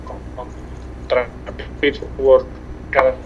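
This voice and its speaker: Un hombre con acento mexicano comenta deportes desde su coche por un teléfono móvil de línea crujiente y entrecortada, hablando pausado y con muchas muletillas. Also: male voice, medium pitch, completely flat delivery. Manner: measured, hesitant with many fillers. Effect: choppy, crackly mobile phone line. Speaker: sports commentator. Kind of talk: sports discussion chat. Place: in a moving car. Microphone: mobile phone. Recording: lo-fi breaking phone line, faint noise.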